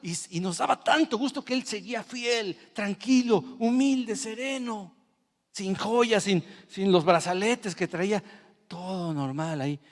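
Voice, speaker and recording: A man with a Mexican Spanish accent preaches a sermon, his fairly high voice carrying a long reverb from a church hall. He tells his story with feeling, dropping quiet and then climbing loud. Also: unhurried. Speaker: pastor.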